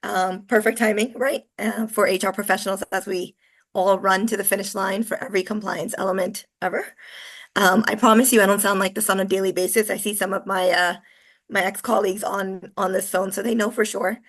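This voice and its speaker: A woman in her forties, hoarse and coarse-voiced from illness, giving an upbeat, chatty online presentation over a video call with lots of fillers. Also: mid-range voice, level tone, a little fast, a bit bright. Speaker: webinar presenter.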